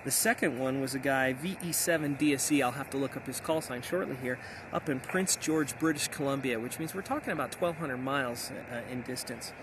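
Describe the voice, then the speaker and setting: A middle-aged American ham radio operator records a vlog in the hilly backcountry, casually and eagerly summing things up. He speaks at medium pitch, fairly quickly and almost without pausing, while outdoor sounds come through behind him.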